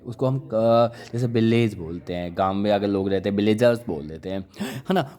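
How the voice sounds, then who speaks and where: A man's voice: mid-range voice, darkish tone. A man teaching with repeated questions. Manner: repeats words and quizzes listeners with questions; coaxing, calls listeners brother and child. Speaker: English vocabulary teacher. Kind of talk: classroom lecture.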